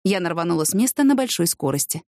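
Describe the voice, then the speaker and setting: A woman reading an audiobook in a steady, expressive storytelling manner. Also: lowish voice, quick pace, no echo. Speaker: audiobook narrator. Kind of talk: scripted narration. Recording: dry studio reading.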